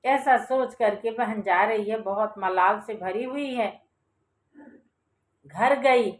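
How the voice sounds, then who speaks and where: A woman's voice: mid-range voice, slow. A woman narrating a folk story in a sing-song, repeating way. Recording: roomy echo.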